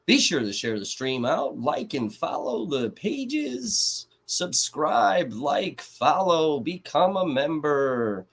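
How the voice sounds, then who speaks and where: A man putting on an upbeat, polished TV news reporter voice, using a bright, exaggerated announcer delivery. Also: fairly high pitch, sing-song, slow pace, hardly any pauses, voice pushed up, full character voice. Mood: chipper.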